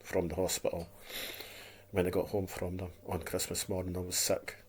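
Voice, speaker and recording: A man's voice: sits low, little pitch movement, moderate pace, darkish tone, slightly rough. A man in his fifties with a Dundee Scottish accent and a speech impediment that turns r into w, chatting casually and plainly in a rambling, repetitive way as a vlogger. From Scotland. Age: 50s.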